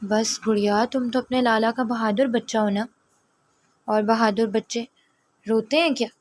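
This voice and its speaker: A woman voicing a protective young elder brother, stern with his sibling and gently coaxing with his sister. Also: extremely high pitch, fairly even intonation. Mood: tender. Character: protective elder brother, young man, fierce but tender.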